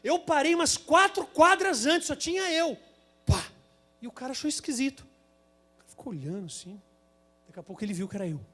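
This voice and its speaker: A man with a Brazilian Portuguese accent preaching a sermon, telling a comic personal story in an animated, dramatic way. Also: very high voice, brisk, long pauses. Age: adult, married with a son.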